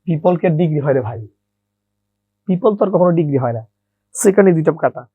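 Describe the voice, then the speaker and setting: In narrow, tinny audio with no echo, a man with a fairly high, slightly rough voice teaches English grammar. He is expressive and fast, repeats his own questions and answers them, and addresses listeners as brother.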